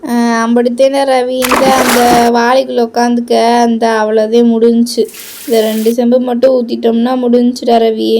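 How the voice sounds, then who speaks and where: A woman's voice: a little high, little pitch movement, normal speed, heavy background noise. A woman voicing a bossy, affectionate village grandmother who scolds and coaxes the children while bathing them. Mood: scolding. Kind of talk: doll-play drama voicing.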